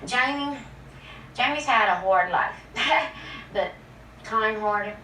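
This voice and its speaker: A woman's voice: fairly high pitch, animated, slow, sharp tone, reverberant, far from the mic, a little hiss or hum, rough recording. A middle-aged or older woman speaking informally and plainly in a documentary interview. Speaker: interviewee, mother of an inmate.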